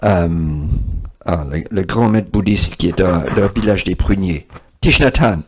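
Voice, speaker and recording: A man's voice: deep voice, unhurried, a little hiss or hum. A man, giving a spiritual talk and taking questions from an audience, repeating words for emphasis. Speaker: spiritual speaker.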